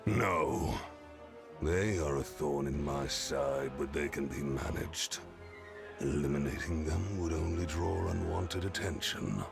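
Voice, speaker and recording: A menacing game sovereign speaks in an extremely deep, gravelly growl. He is slow, formal and commanding, with prominent music behind him. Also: exaggerated voice. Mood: threatening. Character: stern, menacing male sovereign giving orders.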